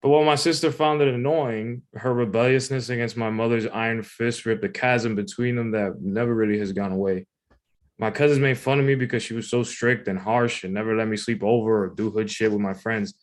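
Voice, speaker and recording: A man's voice: on the low side, fairly even intonation, fairly quick. Man reading his personal essay aloud. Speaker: writer reading own submission.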